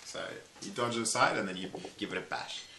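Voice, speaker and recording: A man running a tabletop role-playing game as game master, in a relaxed, rules-checking way. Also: fairly low pitch, fast talker. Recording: echoey room with clear background noise.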